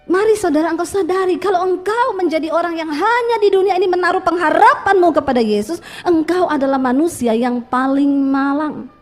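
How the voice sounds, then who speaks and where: A woman pastor with a very high voice preaches to her congregation, telling stories and acting out what people said. She keeps throwing questions back at the listeners. Soft music plays faintly underneath. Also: brisk. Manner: lively storytelling sermon with quoted voices and rhetorical questions. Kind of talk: sermon.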